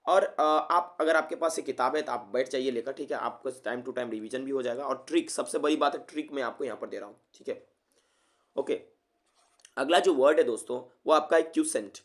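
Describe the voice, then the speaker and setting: A male teacher who runs an exam-prep vocabulary lesson at a mid pitch. He keeps asking his listeners what a word means and answers it himself, padding his lines with "theek hai, okay". He wraps each word in a small memory-trick story. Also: moderate pace. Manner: repeats questions to the class and answers them, fills with "theek hai, okay"; tells memory-trick stories.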